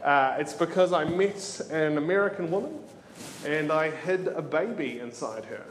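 A man's voice: on the high side, animated, moderate pace. Man, 30s, New Zealand accent, stand-up comic, self-deprecating banter, echoey club, crowd noise. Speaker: stand-up comedian. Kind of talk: stand-up comedy set. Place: comedy club stage.

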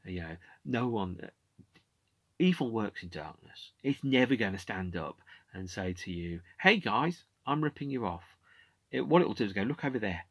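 A podcast host in his forties talks casually about an album from a home room lined with shelves of CDs, animated and gesturing with his hands, full of fillers and restarts. His voice is fairly low and husky at a normal speed, with no echo.

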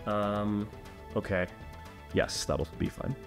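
A man giving casual commentary while he plays a video game, muttering to himself and then urging the pieces on in excited bursts. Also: lowish voice, slow. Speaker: player. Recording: roomy echo, faint game music.

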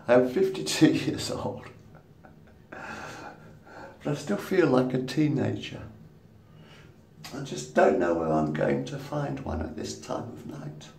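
This is a man in his 50s, a vlogger chatting casually to a phone held at arm's length in a small room, swearing and laughing at his own jokes. He talks slowly in a sing-song, gravelly, slightly mellow medium-pitched voice, pausing often. The distant mic leaves roomy echo and a little background noise.

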